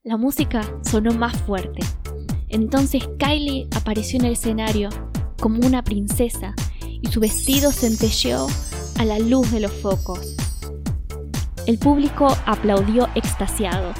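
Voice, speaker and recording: A woman narrating a children's story in a gentle, measured way. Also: on the high side, over music.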